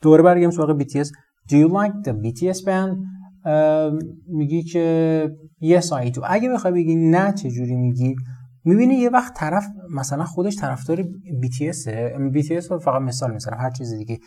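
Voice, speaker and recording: A man teaching English in a casual spoken lesson, chatting through everyday examples and saying English phrases slowly with a Persian accent. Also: a little high, warm tone.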